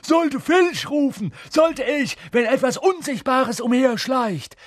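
A shrill, wheedling poltergeist of a storybook, sneering and mischievous. His voice swoops high and drawls the words out slowly. It sounds dry and close. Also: animated, no room sound, exaggerated voice. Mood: sly. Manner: wheedling, slimy, sing-song.

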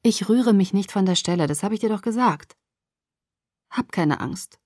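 Lady reading as a soft-spoken patient young guy, gentle and teasing, close and dry audiobook voice. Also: medium pitch, expressive, normal speed, dry recording, lightly acted. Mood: soft, tender. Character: calm, gently teasing young man at a hospital bed.

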